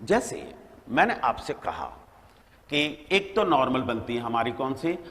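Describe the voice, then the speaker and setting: Lively male teacher quizzing slowly. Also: medium pitch, big-room sound. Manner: quizzing students with repeated questions and answering himself; addresses listeners as beta, checks with "right?". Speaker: English teacher. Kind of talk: classroom grammar lesson.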